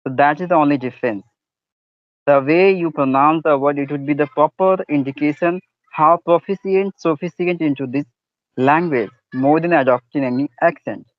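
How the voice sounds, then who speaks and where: Man, halting, hunts for words, highish voice, muffled dry audio. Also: dry recording. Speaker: English conversation partner. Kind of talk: casual discussion practice. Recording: dull, lo-fi, dry sound.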